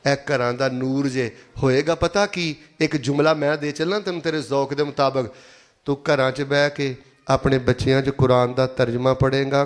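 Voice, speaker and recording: A man with a Pakistani Punjabi accent preaching a sermon, emphatic and repetitive, prompting the congregation to answer aloud. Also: mid-range voice.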